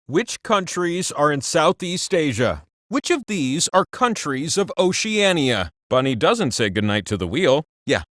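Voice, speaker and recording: The Wheel of Enormous Proportions, swooping high-pitched game host. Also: male voice, a bit bright, dry recording, clean studio sound. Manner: playfully sarcastic, theatrical, mock-grand. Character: giant talking trivia wheel, cheeky, vain, theatrical game host. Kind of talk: comedic game show hosting.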